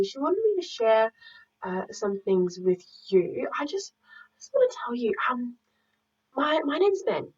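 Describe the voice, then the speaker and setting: A timid, earnest young boy, as a teacher puts him on, stumbling over his words with a raised voice and breathy whispers. The sound is muffled and a little far from the mic. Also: a little high, darkish tone, voice pushed up. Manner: hesitant, halting, breathy whispers.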